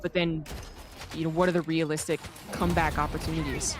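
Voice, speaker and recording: A woman's voice: sits low, little pitch movement, music in the background. Chatty American woman casting esports. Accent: General American. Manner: chatty, quick and playful. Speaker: esports caster. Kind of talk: live esports commentary. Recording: noisy broadcast mix.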